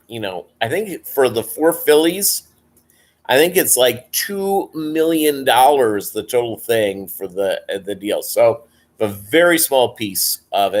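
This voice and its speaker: A man with a deep Southern accent hosts a casual livestream at a slow, halting pace. His voice sits at an average pitch, and he rambles loosely as he addresses his viewers. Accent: deep Southern American. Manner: rambling, halting delivery, reading and answering viewer comments. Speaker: live stream host.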